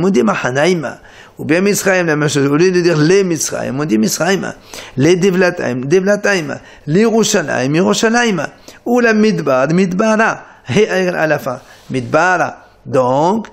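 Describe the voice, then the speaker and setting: A man giving a Talmud lesson, explaining the text with animated delivery and frequent restarts. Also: fairly high pitch. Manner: animated explanation, many restarts, Hebrew terms. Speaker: Talmud teacher. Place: Marseille study center.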